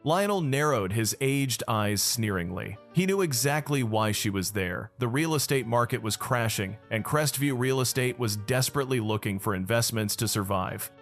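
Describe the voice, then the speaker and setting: A man's voice: mid-range voice, lively intonation, normal speed, few pauses, soft background music. A man narrating a dramatic story recap in the first person.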